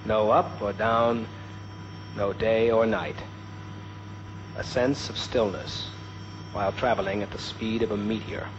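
Male narrator, rather deep, grave and measured, on muffled old film audio. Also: little pitch movement. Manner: solemn, poetic, measured phrasing. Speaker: documentary narrator. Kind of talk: scripted documentary narration. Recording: dull archival film sound, noisy hum.

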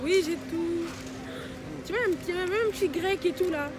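A woman's voice: very high-pitched, a little fast, music in the background. A woman, chatting casually in slang. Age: 20s. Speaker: vlogger. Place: outdoors at a busy funfair. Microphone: phone at arm's length. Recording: noisy outdoor fairground with crowd.

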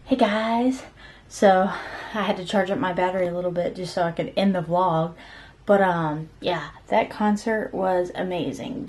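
A woman in her thirties vlogging at home at night, chatting fast and excitedly with frequent laughs. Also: lowish voice. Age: 30s. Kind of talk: casual vlog chat.

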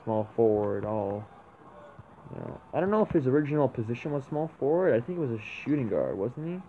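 Excitable young gamer on a tinny mic. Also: male voice, mid-range voice, brisk. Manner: excitable, shouts "oh my god" at big plays. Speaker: gaming YouTuber. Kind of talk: excited gameplay commentary. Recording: tinny lo-fi mic with faint noise.

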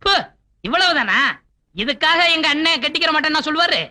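Piercingly bright, high comic sidekick, wheedling. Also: male voice, expressive, fairly quick, exaggerated voice. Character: cheeky young marriage broker sidekick. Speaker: comic actor in a film scene. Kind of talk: film comedy acting.

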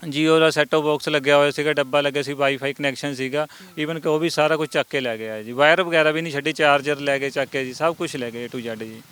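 A man's voice: a little high, fairly even intonation, fast talker, few pauses, fairly bright tone, smooth. A man politely telling a reporter, item by item, what was taken from his home. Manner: polite, listing items one by one. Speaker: homeowner, theft victim. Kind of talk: interview.

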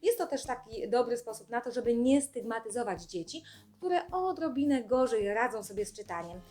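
A young adult woman speech therapist calmly explaining classroom games in an instructional video, speaking clearly with short pauses. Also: a little high.

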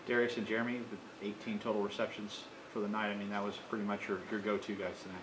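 Male reporter, lower pitch, conversational; echoey room, clear background noise. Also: level tone, fast. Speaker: sports reporter. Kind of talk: press conference questions.

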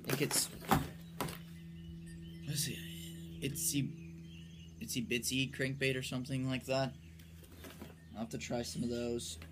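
A young man in his late teens or early twenties, an amateur angler, shows off his tackle in a casual, unscripted way on a covered wooden porch outdoors. He speaks in a steady tone, halting and low-key, trailing off as he handles items. A phone or camera at arm's length picks up noticeable outdoor background noise.

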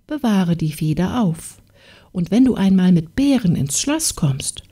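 A woman voicing a kindly, gracious male knight in a fairy tale audiobook, speaking gently and courteously. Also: fairly low pitch, big pitch swings, unhurried, breathy edge, full character voice.

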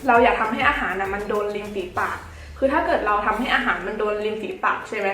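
A woman's voice: medium pitch, fast talker, a bit bright, faint music behind. A woman hosting a food vlog, chatting casually and often checking in with her viewers. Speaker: host of a food challenge vlog. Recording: roomy echo.

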